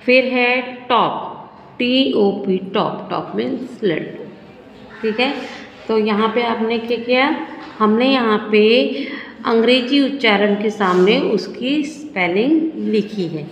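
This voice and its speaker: A woman teacher talks slowly through a primary class lesson, spelling simple words aloud letter by letter and repeating each one. Her voice sits a little high. The recording rings with the long echo of a large, hard room. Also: a little hiss or hum. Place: school setting. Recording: echoey room with long reverb.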